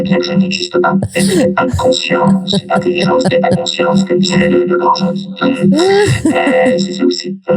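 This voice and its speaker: A man voicing a halting, earnest artificial intelligence, run through a voice changer that makes it gravelly and deep. It stammers and restarts as it talks. Loud music plays behind it. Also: exaggerated voice, poor audio. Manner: stammering, hesitant delivery. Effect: pitch-shifting voice changer. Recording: music playing behind, processed voice.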